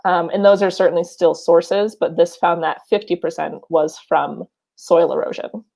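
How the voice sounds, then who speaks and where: Speaking with a Wisconsin accent, this podcast co-host reads news stories aloud and keeps drifting into chatty, filler-heavy side comments. Her voice is on the low side, creaky and mellow, with little pitch movement and a moderate pace.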